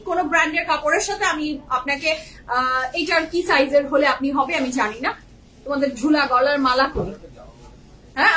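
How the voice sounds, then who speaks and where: A young-adult or thirties working mother hosts a live-stream clothing sale, gushing over every dress and mixing English into her Bengali. Her voice is very high with a sharp edge, and the recording is rough.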